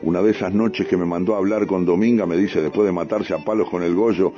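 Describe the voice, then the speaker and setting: A man with a Rioplatense accent, a radio host, reading a first-person story in an unhurried way with street slang. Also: sits low, steady tone, warm tone. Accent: Rioplatense Spanish. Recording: dull radio broadcast, faint music.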